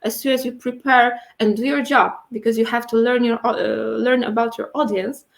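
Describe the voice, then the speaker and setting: Higher-voiced woman talking with braces. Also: fairly even intonation, normal speed. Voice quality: speaking with dental braces, slightly impeded articulation. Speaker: guest speaker, internal communications and IT professional. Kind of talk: explanatory interview answers.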